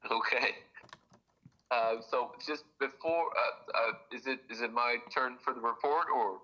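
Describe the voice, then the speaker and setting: A man's voice: mid-range voice, measured pace, sharp tone. A man giving a report to a board while heard through a phone on speakerphone, hesitant and full of "uh" and restarts. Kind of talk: reporting at a public meeting by phone. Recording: muffled phone call over a room speaker.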